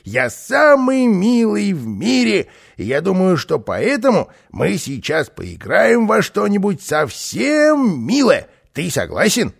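A man's voice: sits high, huge pitch swings, slow, gravelly, few pauses, slightly rough, voice pushed up, exaggerated voice. A man voicing a boastful, mischievous plump little man who flies, in a showy singsong manner for a storybook reading. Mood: boastful, teasing. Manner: showy, singsong, self-praising. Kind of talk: storybook reading, voiced character.

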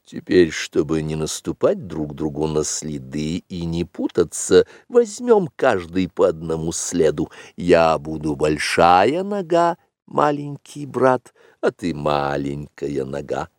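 A man voicing Bagheera, a calm, wise female panther, with a low, measured delivery in a storybook reading. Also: dry recording, clean studio sound, full character voice.

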